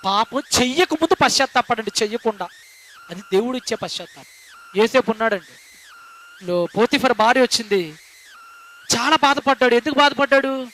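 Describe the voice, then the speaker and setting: A man's voice: very high-pitched, animated, fairly quick, long pauses, sharp tone, slight background noise. A male pastor preaching a sermon, speaking emphatically and asking the congregation rhetorical questions. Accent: Telugu.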